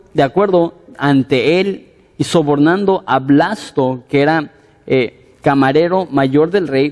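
A man preaching a sermon, animated and conversational with frequent fillers. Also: a little high, big-room sound.

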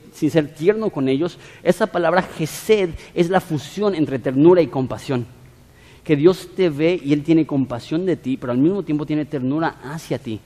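A man's voice: a little high, warm tone. A man preaching a sermon, explaining word meanings with everyday examples to a congregation. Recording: long hall reverb.

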